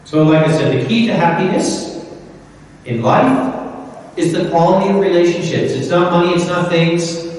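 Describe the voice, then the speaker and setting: A man's voice: high-pitched, moderate pace, darkish tone. A man preaching a sermon in a conversational, folksy way, often repeating his points. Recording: echoey hall from far off.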